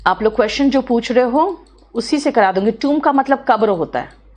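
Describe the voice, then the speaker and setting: A fairly high-voiced woman with an Indian accent teaches an English class in Hindi. She speaks patiently and reads example sentences slowly and deliberately. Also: lively intonation, a little mellow. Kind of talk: live online class, answering student questions.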